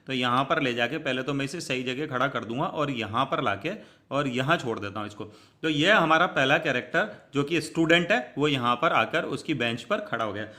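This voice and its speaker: Bright-voiced man explaining software steps. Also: medium pitch, expressive, brisk. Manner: step-by-step instructions, addresses viewers as friends. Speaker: tutorial host. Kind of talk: screen tutorial walkthrough.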